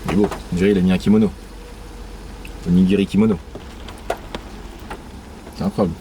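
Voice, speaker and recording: A young travel vlogger talks casually to the camera outdoors in the rain, his low voice steady and a little fast as he tastes food, cracking slangy jokes and swearing freely. Loud rain, outdoor noise and passing traffic fill the recording.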